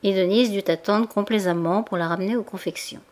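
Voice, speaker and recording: Woman reading a classic novel aloud. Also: medium pitch. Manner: measured, even literary reading. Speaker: audiobook narrator. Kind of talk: scripted narration.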